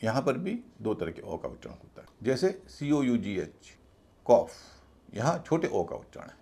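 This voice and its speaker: A man's voice: medium pitch, wildly swooping pitch, normal speed, vocal fry, dark tone. A man teaching English pronunciation in a video lesson, spelling out each word letter by letter before stressing the right sound.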